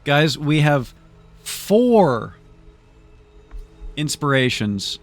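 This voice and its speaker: Male game streamer, casual and playfully theatrical, slow delivery, soft music in the background. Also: a little high, big pitch swings. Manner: playful, theatrical deliberation addressed to chat. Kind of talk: casual live gameplay commentary.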